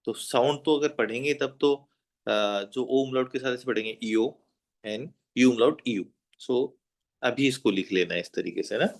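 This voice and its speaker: Male language teacher, classroom whiteboard lesson, unhurried, patient, repeats sounds for students. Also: mid-range voice, creaky. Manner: slow, patient, repeats each sound and checks students are writing.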